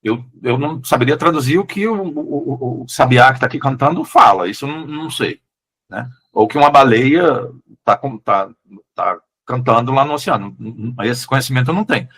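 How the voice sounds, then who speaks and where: A Brazilian man, a literary translator, talking through his choices in a relaxed interview, with frequent restarts and questioning tags. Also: medium pitch, fairly quick, slightly rough. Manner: thoughtful, hesitant, many restarts and "né?" tags. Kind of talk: casual conversational interview.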